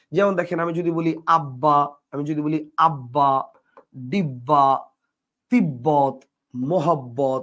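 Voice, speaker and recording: A man's voice: high-pitched, darkish tone, slightly rough. A man from Bangladesh, teaching a grammar lesson and explaining step by step, repeating key words and asking rhetorical questions.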